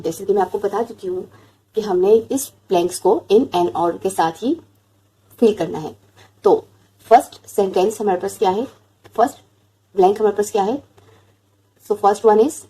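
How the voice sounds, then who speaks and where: A woman teacher with a Pakistani accent talks very slowly and carefully, drawing out each word. Her voice is dark and a little husky, and she spells out simple words one letter at a time. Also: medium pitch, low-quality recording. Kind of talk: classroom lesson, mixing Urdu and English.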